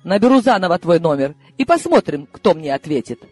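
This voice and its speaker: A teasing, commanding old grandmother from an audiobook, read by a man, her lines pitched high and swinging widely in tone. She sounds sharp and sarcastic, used to getting her own way. Soft music plays faintly underneath. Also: big pitch swings, a little fast, breathy edge, dry recording. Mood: bossy, teasing. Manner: bossy, teasing. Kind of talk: audiobook reading.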